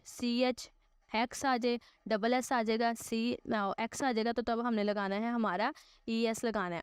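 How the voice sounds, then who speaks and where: Patient woman teacher, clear voice. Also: fairly high pitch, no echo, clean studio sound. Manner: patient, repeats "ठीक है" to check understanding; mixes Hindi-Urdu with English terms. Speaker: English teacher. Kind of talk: recorded online class explanation.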